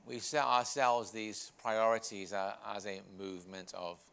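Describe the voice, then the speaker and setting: A man's voice: fairly low pitch, unhurried, fairly bright tone, clear, resonant tone. A man hosting a session informally, introducing and questioning guests, rephrasing hesitantly as he goes. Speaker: session host and interviewer.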